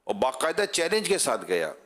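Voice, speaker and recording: A man preaching a religious sermon to a gathering. He speaks in a lively, rhetorical way, putting questions to his listeners and leading them in loud chanted slogans. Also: fairly high pitch.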